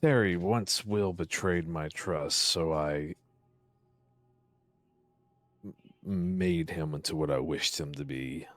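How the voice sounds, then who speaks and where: A woman in a roleplay whose voice is run through a voice changer that makes it very deep, speaking in a slow, measured, cold way as a masked interrogator. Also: no echo. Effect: voice changer making the voice very deep.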